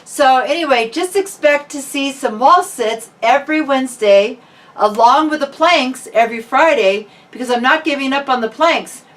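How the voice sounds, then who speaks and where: At a moderate pace, a woman with a high voice talks casually to viewers, much like a fitness vlogger. Her relaxed vlog chat is captured on a distant microphone.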